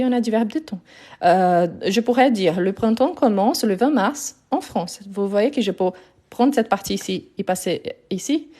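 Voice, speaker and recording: Mellow-voiced woman teaching French grammar. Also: mid-range voice. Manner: patient, explains step by step, often checks with "ok?". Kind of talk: live online grammar lesson.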